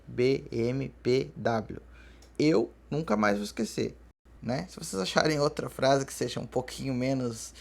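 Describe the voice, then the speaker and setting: A man with a gravelly edge to his mid-pitched voice talks through a language lesson. He keeps it relaxed and chatty, dropping in little check-ins with his listeners as he goes. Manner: relaxed, chatty, frequent filler tags. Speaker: language teacher. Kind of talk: casual online lesson.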